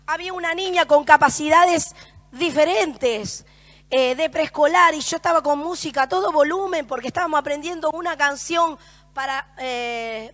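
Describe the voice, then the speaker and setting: Woman preacher, Argentine accent, high voice, loud emphatic calls dropping to hushed storytelling, church sermon. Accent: Argentine Spanish.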